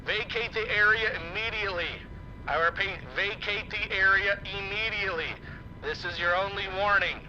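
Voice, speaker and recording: A man's voice: sits high, steady tone, moderate pace, pushed and bright, voice pushed up. A man voicing a stern Coast Guard helicopter radio operator, giving firm, clipped official commands over a marine radio transmission. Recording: muffled radio sound with faint noise.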